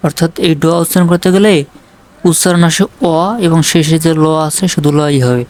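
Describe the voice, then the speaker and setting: Spelling out English words slowly and carefully, a fairly high-pitched man with a somewhat mellow voice and fairly even intonation teaches pronunciation and spelling. After each word, he asks what it means and then responds to himself.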